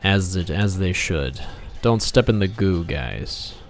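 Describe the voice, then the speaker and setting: A game developer hosts a casual livestream while drawing, bantering and joking with his viewers. He speaks slowly and expressively in a deep voice, with background music playing behind him.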